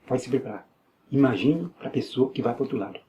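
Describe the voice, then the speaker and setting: A man's voice: medium pitch, expressive, a little fast, warm tone, a little hiss or hum. A man with a Brazilian Portuguese accent giving an earnest personal religious testimony, repeating phrases and restarting often. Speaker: evangelical believer giving testimony.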